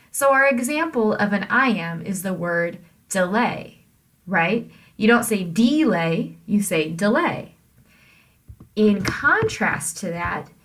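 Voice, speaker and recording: Slow, deliberate woman lecturer. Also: mid-range voice, fairly bright tone. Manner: slow, deliberate, exaggerating word stress to demonstrate. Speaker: college English professor. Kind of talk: recorded lecture.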